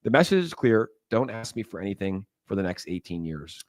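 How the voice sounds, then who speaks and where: A man's voice: on the low side, big pitch swings, a little fast, no room sound, studio quality. A man co-hosting a crypto talk show in casual, slangy crypto bro style, swearing and giving blunt opinions. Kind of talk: casual chat and news commentary.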